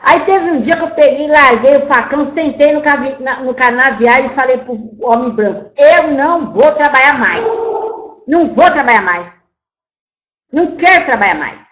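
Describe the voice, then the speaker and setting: A woman's voice: sits high, lively intonation, normal speed, a bit bright. A woman voicing the spirit of an old, once-enslaved grandmother. In a channeled spiritual talk, she scolds her listeners and calls them "my child". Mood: mournful telling. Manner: storytelling, repeats "my child", scolds then grieves. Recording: roomy echo.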